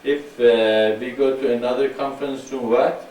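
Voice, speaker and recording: A man hosting an online spiritual gathering in casual talk, speaking slowly and deliberately and repeating himself so listeners can follow. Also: medium pitch, fairly even intonation, darkish tone. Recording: echoey room, far from mic, faint hiss.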